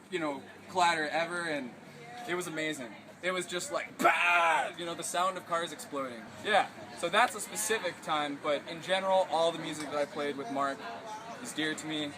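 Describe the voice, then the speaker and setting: A man telling an animated story about playing music with his former teacher. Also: fairly high pitch, noisy background. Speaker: former student. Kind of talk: casual storytelling tribute.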